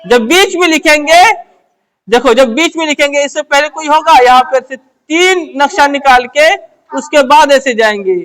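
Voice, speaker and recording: A woman with a high voice teaches how letters are written, step by step. She keeps asking quick questions and answering them herself. She repeats her phrases as she works through each shape. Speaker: Urdu teacher. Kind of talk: letter-by-letter script lesson.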